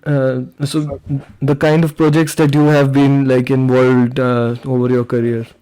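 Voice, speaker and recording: A young man hosting an online robotics meetup, talking casually and relaxed, with frequent "like" and "uh". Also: mid-range voice, a little slow, smooth. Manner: relaxed, uses "like" and "uh" often. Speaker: meetup host and presenter. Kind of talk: casual online meeting discussion. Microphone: computer mic on a video call.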